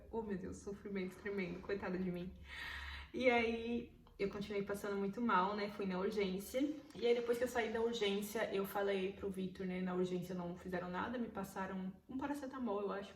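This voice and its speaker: A woman's voice: mid-range voice, darkish tone, a little hiss or hum. Emotional Brazilian woman in an echoey room. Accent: Brazilian Portuguese. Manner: emotional, repeats words for emphasis. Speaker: vlogger. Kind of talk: casual storytelling to camera. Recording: roomy echo, mic at a distance.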